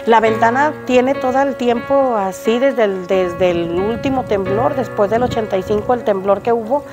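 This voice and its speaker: In this outdoor street interview, an older Mexican Spanish-accented woman responds to a reporter in front of her home's gate, music playing underneath. Her voice sits on the high side, and she hesitates and restarts often.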